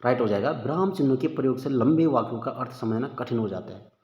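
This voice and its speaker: A man's voice: medium pitch, fast talker, darkish tone. A man teaching a casual exam-prep lesson, chatty and informal, calling listeners "bhai" and thinking aloud as he works through the questions. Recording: echoey room with long reverb, dull lo-fi sound.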